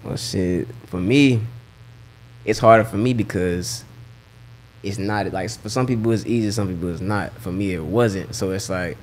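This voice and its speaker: Laid-back rapper, low voice. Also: male voice, normal speed, a little mellow. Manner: laid-back, slangy, keeps saying "you know what I'm saying". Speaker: rapper guest. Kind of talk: casual podcast interview.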